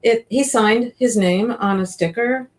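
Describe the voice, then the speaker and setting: A woman's voice: on the high side, a little slow, darkish tone. A woman in her fifties, a business coach, chatting enthusiastically as an interview guest. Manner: chatty and enthusiastic, with frequent restarts. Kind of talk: casual interview chat.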